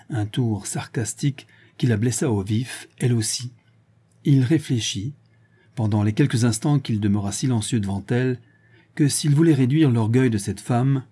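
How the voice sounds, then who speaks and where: A man reads a novel aloud in a measured, expressive way. His voice is very dark and mellow, with a husky grain. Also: mid-range voice. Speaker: audiobook narrator. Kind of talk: scripted narration of a novel.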